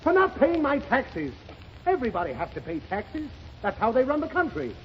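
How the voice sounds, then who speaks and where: With an extremely high, wildly swooping, exaggerated voice at a moderate pace, a man plays an exasperated father doing his taxes in 1930s radio comedy. He's flustered and sputtering, theatrically fed up, and the dull broadcast carries hiss and a studio audience.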